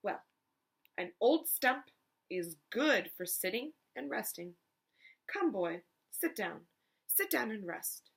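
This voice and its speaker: Woman voicing a tender, selfless tree, slightly husky. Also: a little high, sing-song, slow pace, exaggerated voice. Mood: gently inviting. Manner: tender, giving, coaxing. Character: gentle, selfless, loving female apple tree.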